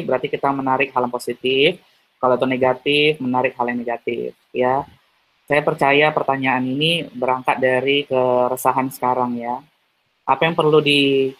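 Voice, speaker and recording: A man's voice: medium pitch, fairly bright tone. Chatty man on a video call. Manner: chatty, heavy use of tag fillers, acts out little dialogues. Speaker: seminar speaker. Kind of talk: online seminar talk.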